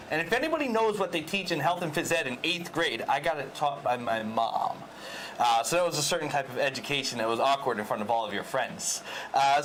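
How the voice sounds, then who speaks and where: A man's voice: fairly high pitch, fairly bright tone, rough recording. Earnest man from Queens, filler-heavy. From New York, Queens. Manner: earnest, hesitant with many "uh" fillers. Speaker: political candidate, guest. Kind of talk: TV interview answers.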